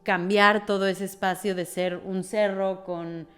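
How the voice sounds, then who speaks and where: A woman's voice: medium pitch, flat delivery, unhurried. A woman with a Mexican Spanish accent, a podcast guest who talks freely and thinks aloud with frequent fillers. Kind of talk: conversational interview.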